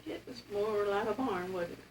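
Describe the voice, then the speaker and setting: Heard through a distant mic in a clearly noisy home setting, an elderly Appalachian woman with a mid-range voice talks at a moderate pace. She is an interviewee casually recalling family history in folksy, plainspoken words.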